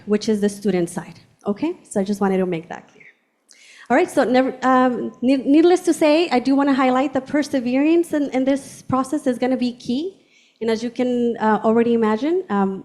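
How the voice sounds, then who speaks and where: A woman's voice: medium pitch, dark tone. A woman hosting a campus panel as assistant director, explaining points carefully and stressing what matters. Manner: explanatory, emphasizing key points. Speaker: host, assistant director of international education. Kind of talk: event moderation.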